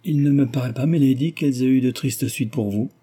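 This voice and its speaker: A man's voice: medium pitch, dark tone, breathy edge, natural voice. A man reading as a composed young heiress. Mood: politely wry. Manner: polite, measured, dryly witty. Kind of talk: audiobook character reading.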